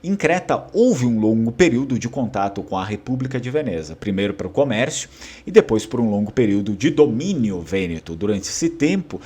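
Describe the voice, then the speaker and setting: A man's voice: lowish voice, darkish tone. A man with a Brazilian Portuguese accent, explaining a linguistics article in an informal, conversational lecture and checking in with listeners often. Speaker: educator presenting a linguistics article.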